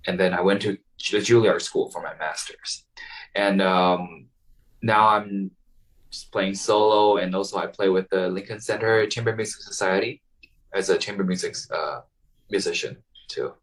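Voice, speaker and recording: A man's voice: sits low, fairly even intonation, normal speed. A young man, answering interview questions casually and hesitantly, with many fillers and restarts. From Taiwan. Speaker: guest violinist. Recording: voice heard from a distance.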